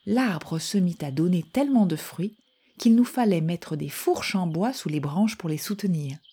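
A woman calmly reading a first-person short story aloud in a measured voice. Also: on the low side, slightly rough.

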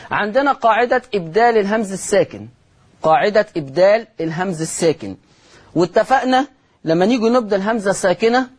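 A man's voice: sits high, husky. A man with an Egyptian accent teaching Quran recitation rules on television, repeating each rule and answering his own questions. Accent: Egyptian Arabic. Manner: slows to chant example words.

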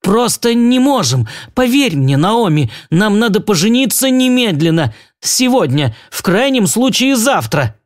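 Мужчина играет отчаянного влюблённого героя аудиокниги, голос высокий и подвижный. Он уговаривает напористо, почти истерично, не давая вставить слово. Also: male voice, high voice, sing-song, unhurried, hardly any pauses, pitched above the performer's own voice. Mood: frantic. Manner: pleading, breathless torrent of words. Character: eager young man, frantic to marry.

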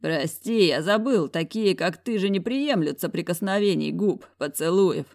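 A woman's voice: lowish voice, lively intonation, normal speed, darkish tone. A woman voicing a rude, hulking grown man who growls and sneers in an audiobook. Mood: mocking.

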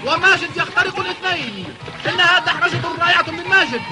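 A man playing an excitable, amazed football commentator in an animated series, exclaiming dramatically. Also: extremely high pitch, fast. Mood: excited. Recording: loud music under the voice. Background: loud music.

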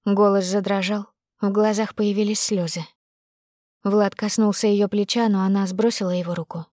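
A woman narrating a first-person novel as an audiobook. She keeps an intimate, brisk storytelling pace in a medium voice. The recording is dry and close. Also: mid-range voice, fairly even intonation, mellow, no echo.

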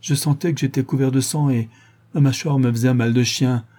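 A man's voice: medium pitch, steady tone, fairly quick, mellow, husky, close to an everyday voice. A man voicing a wounded farmhand who sounds weak and shaken and pleads for help. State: weak and injured. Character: wounded, desperate male farmhand.

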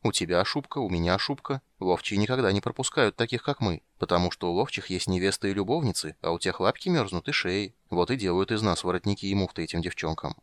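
A man's voice: low voice, fast, few pauses, no echo, natural voice. A man reading an audiobook, voicing a sly, boastful fox in a bedtime tale, in a knowing storyteller's tone.

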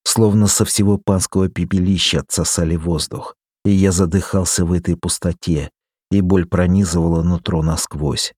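A man narrating a story in the first person, measured and steady. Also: deep voice, dry recording, studio quality. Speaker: audiobook reader.

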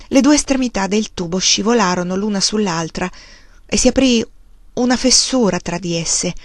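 A woman narrating a novel aloud with expressive, dramatic delivery. Her voice sits at a middle pitch. The recording is dry and close, with no room sound. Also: dry recording. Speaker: audiobook reader. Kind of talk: novel reading.

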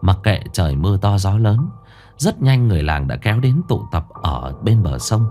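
A man narrating a ghost story in an expressive, dramatic storytelling manner. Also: lowish voice, moderate pace, soft background music.

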